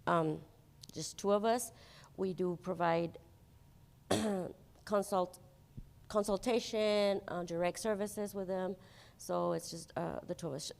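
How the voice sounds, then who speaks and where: Gravelly-voiced woman, getting sick. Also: lowish voice, steady tone, slow pace, darkish tone, in a large hall. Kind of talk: staff presentation.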